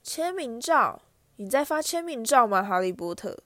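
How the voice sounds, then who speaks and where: A woman's voice: a little high, very animated, normal speed, fairly bright tone, no room sound. A woman voicing a spiteful, sneering schoolboy bully in a storybook reading, mocking and drawling.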